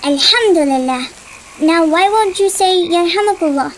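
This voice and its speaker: A woman's voice: very high-pitched, animated, normal speed, slight background noise, rough recording. A woman voicing a curious young boy in a dubbed cartoon, who keeps asking why. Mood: curious, questioning. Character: curious inquisitive young boy, Abdul Bari.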